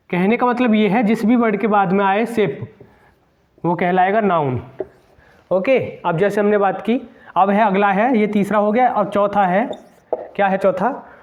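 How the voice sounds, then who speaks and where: Guy teaching grammar for exams, kinda high voice, says every word like three times and spells them out. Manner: emphatic, drills words by repeating and spelling them out. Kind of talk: exam-prep grammar lesson.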